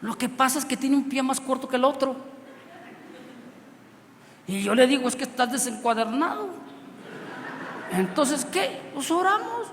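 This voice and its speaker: A man with a Mexican accent preaching a sermon through a personal story, swinging from loud outbursts to quiet asides and laughing often. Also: extremely high pitch, animated, unhurried, long pauses. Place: church hall with long reverb. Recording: reverberant hall, faint background noise.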